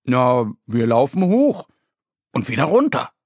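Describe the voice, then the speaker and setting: A man's voice: medium pitch, very animated, unhurried, a little mellow, dry recording, clean studio sound. A man doing a kindly, know-it-all bear. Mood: explaining. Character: friendly male bear, knowing and kind. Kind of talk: children's audiobook storytelling.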